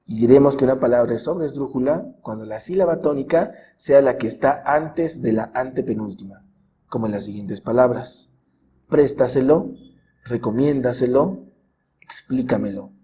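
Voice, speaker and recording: A man narrating a scripted grammar lesson as a teacher, in a measured way, drawing out the example words slowly. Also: medium pitch, dark tone, slightly rough. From Mexico.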